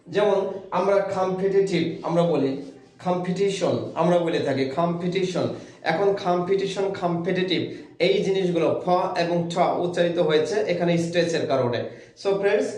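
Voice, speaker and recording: A man with a fairly high voice gives an English pronunciation lesson, drilling each rule slowly and stressing it word by word. He sounds like he's in a bare, heavily echoing room. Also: a little mellow. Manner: slow, emphatic repetition of rules. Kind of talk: video lesson. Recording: very echoey room.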